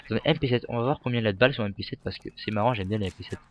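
A teenage boy giving casual, excitable gameplay commentary from his bedroom, joking and swearing freely. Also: on the low side, very fast, highs cut off. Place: bedroom at home.

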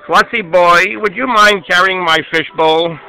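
A man's voice: high-pitched, measured pace, sharp tone, faint music behind, full character voice, low-quality recording. A man voicing a young boy who schleps loads of stuff and gets exasperated, in a storybook reading. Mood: pleading. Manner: fussy, exasperated. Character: young boy who hauls lots of stuff, easily annoyed.

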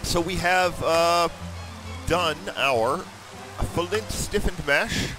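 A man giving excitable let's-play commentary, thinking aloud and talking to his viewers. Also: a little high, extremely slow, over music, poor audio. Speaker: gaming YouTuber.

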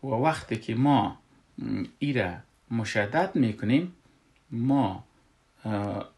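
A man with an Afghan Dari accent teaching Quran recitation rules in a patient, step-by-step classroom explanation, often pausing to search for words. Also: medium pitch, animated, darkish tone.

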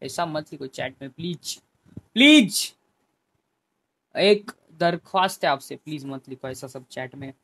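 A man's voice: medium pitch, moderate pace, gravelly, hardly any pauses. A young man, chatting casually with viewers by name on his live game stream and pleading with them at times. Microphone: headphone mic.

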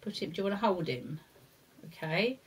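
A middle-aged woman presenting a lesson to young children with a puppet, speaking in simple, singsong, deliberate phrases with questioning tags. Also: on the low side, expressive, slightly rough. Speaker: early years teacher presenting a puppet lesson. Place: indoors, seated before a brick-patterned backdrop.

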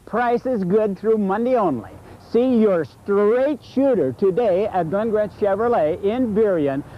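A man speaking as a car dealer pitchman in a local TV commercial. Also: expressive, unhurried, slight background noise. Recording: dull old TV tape audio.

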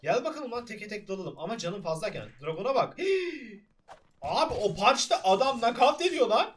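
Excitable young male streamer, high-pitched, bright and animated. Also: normal speed. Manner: excitable, shouting, laughing. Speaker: gaming channel host. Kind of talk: excited gameplay commentary.

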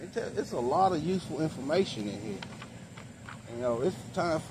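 Here the middle-aged home gardening vlogger speaks at a normal speed, his pitch swinging widely as he casually and plainly presents gardening supplies. The product demo is recorded outdoors in a backyard amid noisy ambience and a traffic-like rumble.

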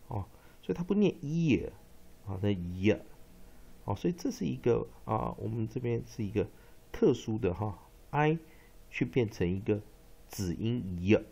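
A man with a Taiwanese Mandarin accent teaching English phonics, who drills syllables slowly and repeats each word many times. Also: lowish voice, gravelly, warm tone. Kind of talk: phonics lesson. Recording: dull lo-fi recording.

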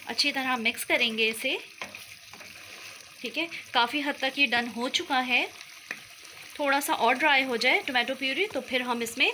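Home cooking host, woman, patient step-by-step teacher, frying noise behind. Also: sits high. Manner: explains step by step, often adds "theek hai". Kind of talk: recipe walkthrough over cooking footage. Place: home kitchen. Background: sizzling oil and stirring.

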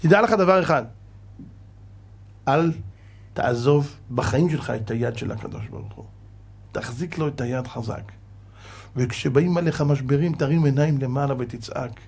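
A man who is a rabbi, giving a sermon in an emphatic preaching manner, asking rhetorical questions and sometimes bursting out loud. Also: mid-range voice, lively intonation, gravelly, pauses often, slightly rough.

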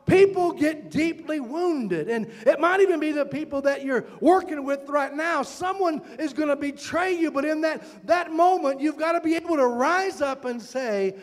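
A man preaching a sermon as pastor, animated and calling out to his congregation. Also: very high-pitched, moderate pace, hardly any pauses, in a large hall. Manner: animated preaching with audience call-outs.

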